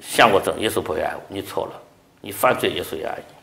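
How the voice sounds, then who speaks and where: A male pastor preaching a revival sermon, swinging from loud emphatic peaks down to soft, hushed asides. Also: deep voice, fast, gravelly, reverberant. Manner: animated preaching, rising loud then dropping to soft near-whispers.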